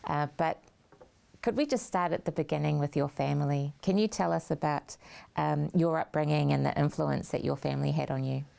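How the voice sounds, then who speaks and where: A woman's voice: low voice, moderate pace, creaky, warm tone. A woman hosting an interview show, speaking in a presenter's conversational style. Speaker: talk show host. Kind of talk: interview hosting, prepared introduction.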